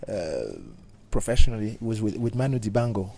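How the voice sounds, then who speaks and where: A middle-aged man from Cameroon, a bassist talking casually in an interview with many halting restarts. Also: lively intonation, mellow. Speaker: guest bassist.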